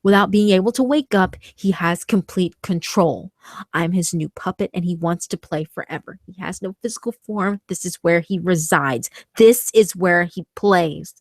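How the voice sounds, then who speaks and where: A woman voicing a tormented, resigned young man trapped in dreams, slow, grave and pleading, in a horror story. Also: fairly low pitch, no echo, studio quality. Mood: grave, foreboding. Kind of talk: scripted horror story dialogue.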